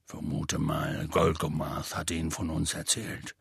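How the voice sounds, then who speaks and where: A huge, rough-spoken half-giant with a very deep, gravelly, husky rasp and a sharp edge to it. He tells his tale in a folksy way, peppered with curses, in a dry, close recording for an audiobook. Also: little pitch movement, unhurried, no echo, full character voice. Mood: gruff storytelling. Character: huge gruff half-giant gamekeeper, rough and warm-hearted. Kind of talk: audiobook character voice.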